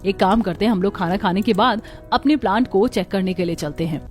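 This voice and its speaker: Brisk and natural-sounding, a woman with a mid-range voice performs scripted cartoon dialogue as a village's confident eldest daughter-in-law. She explains matters in an assured, instructive manner while soft music plays in the background.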